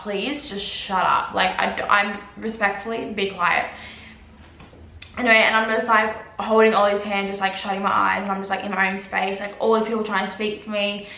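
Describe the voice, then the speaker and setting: A woman's voice: medium pitch, a bit bright. A young woman tells a casual storytime vlog, chatty, swearing freely and using many fillers. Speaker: vlogger. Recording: echoey room.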